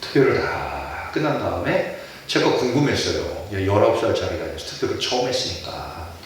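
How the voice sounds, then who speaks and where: Middle-aged pastor preaching in an echoing hall. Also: male voice, on the low side, normal speed, a little hiss or hum. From Chungcheong, Korea. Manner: animated, poses rhetorical questions to the congregation. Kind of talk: sermon. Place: church sanctuary. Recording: echoey church hall, distant mic.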